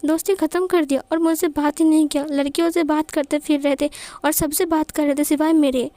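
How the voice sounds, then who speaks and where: A woman's voice: high voice, steady tone, a little fast, dark tone, no echo, lightly acted. A woman voicing a tearful young man who stammers and sobs in whispers.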